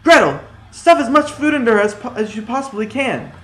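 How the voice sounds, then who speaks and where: A man's voice: very high voice, animated, brisk, sharp tone, voice pushed up, heavily acted. A man doing Hansel, a brave young boy. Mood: urgent. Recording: echoey room.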